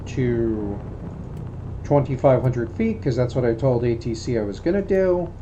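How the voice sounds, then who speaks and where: A man's voice: mid-range voice, animated, a little slow, dark tone. A man speaks through a cockpit headset mic in a small propeller plane. His voice comes through slightly muffled, with a faint hum of engine noise behind it. He thinks aloud in a hesitant, self-deprecating way. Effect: heard through a cockpit headset intercom. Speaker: student pilot flying a small plane. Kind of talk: casual vlog narration mixed with radio calls. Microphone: aviation headset mic.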